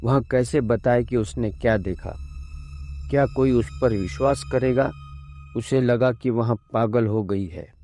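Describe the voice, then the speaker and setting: A man narrating a scripted horror story in a measured, ominous way. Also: medium pitch, dark tone. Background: faint music.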